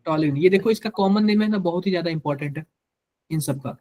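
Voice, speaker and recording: A man's voice: on the high side, fast talker, a little mellow. A man with a Hindi accent teaching chemistry to a live class, quizzing students and repeating each answer to drill it in.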